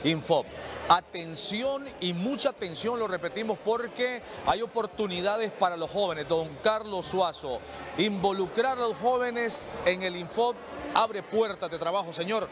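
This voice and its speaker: Enthusiastic TV reporter. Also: male voice, high-pitched, a little slow, a crowd in the background. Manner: enthusiastic, emphatic. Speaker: TV news reporter. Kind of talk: upbeat field interview. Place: large indoor hall with murals. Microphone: handheld mic.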